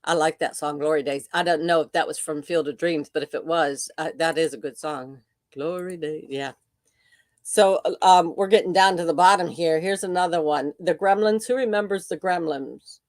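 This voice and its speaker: A woman's voice: low voice, moderate pace, a little mellow, dry recording, clean studio sound. An older woman hosting a casual livestream, chatting with viewers and reading their comments aloud with frequent laughs. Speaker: livestream host.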